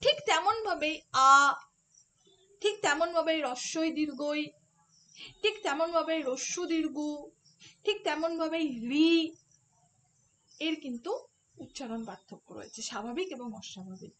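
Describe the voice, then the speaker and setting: A woman's voice: sits high, animated, normal speed, long pauses, fairly bright tone. A woman teaching a phonetics lesson for an exam, explaining step by step and asking rhetorical questions. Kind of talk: online exam-prep lesson.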